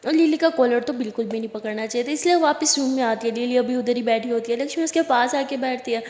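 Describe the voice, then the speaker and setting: A woman's voice: a little high, fast, darkish tone. A woman narrating a love story in a chatty, conversational way. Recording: echoey room, long reverb.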